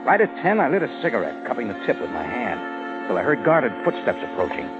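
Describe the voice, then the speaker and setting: An actor playing a tough private detective, narrating and talking in a clipped, dry way in a 1940s radio drama. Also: male voice, mid-range voice, wildly swooping pitch, a little fast, phone-quality sound. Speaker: lead and narrator. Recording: old radio broadcast with music.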